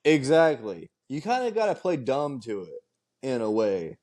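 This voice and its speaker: A man's voice: medium pitch, wildly swooping pitch, normal speed, darkish tone. A young man co-hosting a podcast over a video call, talking in a laid-back, agreeable way with plenty of fillers. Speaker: podcast co-host. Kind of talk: casual chat.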